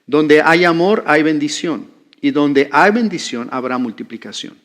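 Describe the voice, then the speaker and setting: A man's voice: fairly high pitch, measured pace, a bit bright. A man preaching a sermon, talking with the congregation and putting questions to them. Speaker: pastor.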